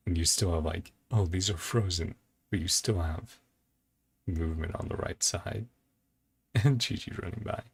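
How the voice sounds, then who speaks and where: A man with a deep, creaky voice reacts casually in a ranking video, speaking unhurriedly with long pauses. He thinks out loud in short, fragmented phrases over background music.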